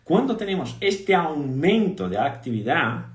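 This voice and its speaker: A man teaching a live online physiotherapy lesson, animated, repeating key points and quizzing his audience. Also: fairly high pitch, unhurried, roomy sound.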